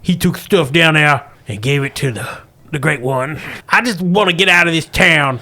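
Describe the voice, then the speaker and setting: A man's voice: fairly high pitch, normal speed, pushed and bright. A man voicing a frightened, evasive old miner in a folksy old prospector drawl for a tabletop game. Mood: uneasy, confiding.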